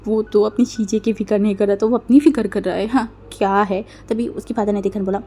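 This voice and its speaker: Woman narrator, casual storytelling, husky, warm dark tone. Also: mid-range voice, steady tone, brisk. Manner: conversational, with frequent restarts. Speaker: fan fiction narrator.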